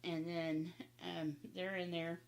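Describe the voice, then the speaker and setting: A woman's voice: on the low side, flat delivery, slow pace. A woman telling a rambling family story as podcast host, with many asides. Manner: rambling, laughing, frequent asides.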